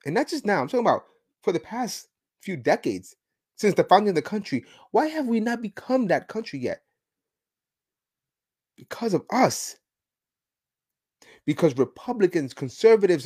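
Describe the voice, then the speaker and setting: A man's voice: high voice, big pitch swings, moderate pace, long pauses, mellow, husky. A man hosting a podcast, giving an emphatic, ranting political commentary monologue. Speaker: podcast host.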